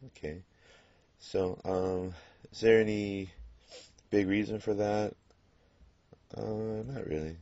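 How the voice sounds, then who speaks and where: A man teaching a Spanish grammar lesson, explaining patiently and pausing on fillers as he works through examples. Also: on the low side, fairly even intonation, dark tone, no echo. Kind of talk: classroom grammar lecture. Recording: dull lo-fi classroom recording.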